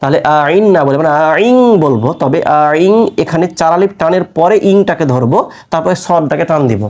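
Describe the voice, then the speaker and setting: A man teaching a Quran recitation class, explaining patiently and stretching letter sounds to demonstrate, tired from fasting. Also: a little high, darkish tone.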